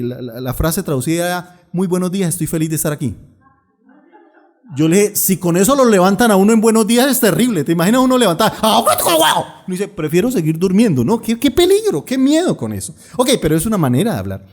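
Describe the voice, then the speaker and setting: A middle-aged male pastor with a high voice preaches a sermon, telling stories with humor and lively asides.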